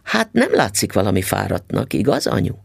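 A man reading an audiobook, voicing an excited, eager young child with a high, breathless voice. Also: creaky, slightly rough, no room sound, studio quality, exaggerated voice. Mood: curious.

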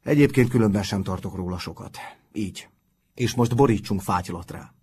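A man's voice: lowish voice, a little mellow, slightly rough. A man voicing a wry boarding-school teacher giving a firm speech to his pupils in a storybook reading. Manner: addressing a group, firm.

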